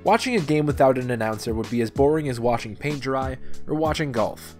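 A man's voice: medium pitch, expressive, fairly quick, loud music behind the voice. A man hosting and narrating a sports video from a script. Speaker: video host and baseball fan narrator.

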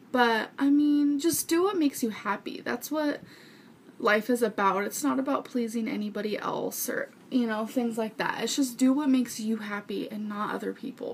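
Young woman, higher-pitched, chatting casually. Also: darkish tone, a little hiss or hum. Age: 20s. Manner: informal, rambling, earnest. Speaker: vlogger answering viewer questions. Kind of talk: casual chat to viewers. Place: small furnished bedroom indoors. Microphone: webcam or camera mic at arm's length.

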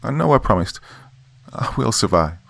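A man voicing a young man who is crying and pleading over a dying friend, shouting through tears. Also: on the low side, big pitch swings, normal speed, gravelly, no room sound, pitched above the performer's own voice, exaggerated voice. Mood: tearful.

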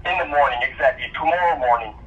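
A man's voice: on the high side, fast. A man working at a restaurant, answering a call in an informal, slightly hesitant way over the phone. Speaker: fast-food restaurant employee. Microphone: telephone. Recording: tinny phone line with faint noise.

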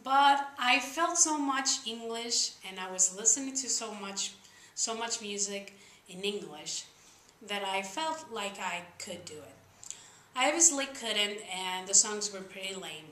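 A young Spanish woman with a Spanish accent talks casually to camera about songwriting, earnest in slightly uneven English, as a singer-songwriter vlogger in a small indoor room. Her voice is medium-pitched, unhurried, bright and forceful. The recording is reverberant with a little hiss or hum.

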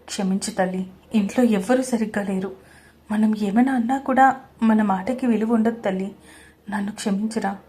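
A woman voicing a gentle, helpless older father-in-law in an audio story, speaking softly and apologetically. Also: medium pitch, moderate pace, close to an everyday voice. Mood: apologetic. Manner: soft, apologetic.

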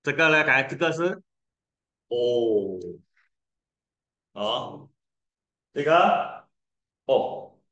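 Slow-talking man teaching pronunciation. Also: on the high side, lively intonation, pushed and bright, lo-fi sound. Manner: patient, drawn-out demonstrations of vowel sounds. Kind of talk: tutoring lesson, mixing Mandarin and English. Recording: echoey room.

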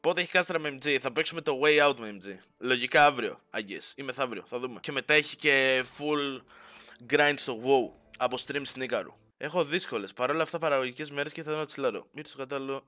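A man's voice: medium pitch, sharp tone. A young man streaming live, chatting casually with his viewers, teasing them and dropping English slang. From Greece. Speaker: Twitch streamer. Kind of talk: casual livestream chat to viewers.

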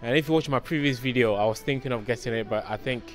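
A man's voice: mid-range voice, quick pace. Guy vlogging from a store, chatty with lots of uhs, camera at arm's length, music going behind. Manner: chatty, fillers, talks to viewers. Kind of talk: casual shopping vlog. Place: clothing store and busy street. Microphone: handheld camera at arm's length.

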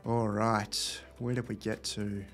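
With faint music playing behind him, a man in his thirties hosts a livestream Q&A from a room at home, talking slowly and casually into a webcam. His voice is on the low side and level in tone, and he reads out viewer questions while thinking aloud.

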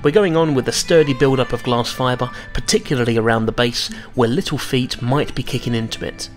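A man giving a scripted voice-over narration, explaining workshop steps in a measured, matter-of-fact way. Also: mid-range voice, faint music behind. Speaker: studio narrator.

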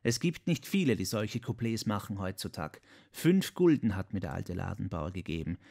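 A man voicing an excitable, boastful older songwriter in an audiobook, chatty and quick to defend himself. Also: deep voice, gravelly, exaggerated voice. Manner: chatty, self-defending, emphatic. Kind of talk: audiobook character voice.

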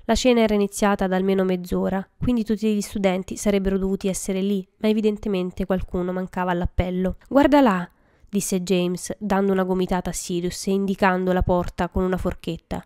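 A woman narrates a story in a steady, even reading. Her voice is smooth and clear, recorded close and dry with no room sound. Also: medium pitch, quick pace, few pauses, dry recording. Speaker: reader. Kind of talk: reading fan fiction aloud.

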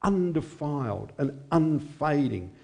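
A man in his sixties preaching a sermon in a small chapel at a lectern microphone, measured and expressive. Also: fairly high pitch, creaky. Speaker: chaplain preaching.

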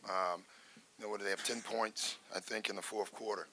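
An older man, a basketball head coach, answering reporters at a postgame press conference from a table microphone, measured and conversational with many fillers and restarts. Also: fairly low pitch, steady tone, bright, forceful tone, slight background noise. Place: press room in front of a sponsor backdrop. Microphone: table microphone in front of him.

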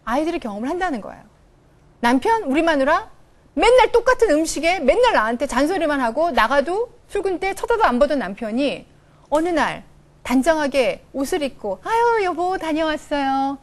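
A woman's voice: sits high, big pitch swings, a little fast. A middle-aged woman professor giving a televised coaching lecture in a studio, acting out little dialogues in changing voices. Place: studio with a live audience.

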